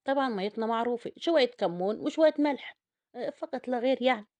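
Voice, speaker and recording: A woman's voice: on the high side, animated, quick pace. Chatty Egyptian woman cooking on camera. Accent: Egyptian Arabic. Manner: chatty, addresses viewers directly, rises loud and indignant over food prices. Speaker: home cook taking food orders. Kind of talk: casual cooking vlog.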